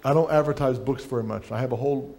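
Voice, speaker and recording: A man's voice: medium pitch, fast talker, vocal fry, a little mellow. A middle-aged man preaching a sermon on a church stage, reading aloud from a book at a lectern.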